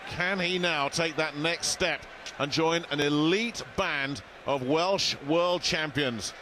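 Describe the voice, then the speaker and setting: A man's voice: fairly high pitch, takes it slowly. A man giving live play-by-play boxing commentary from ringside as the lead commentator. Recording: loud crowd and arena noise behind.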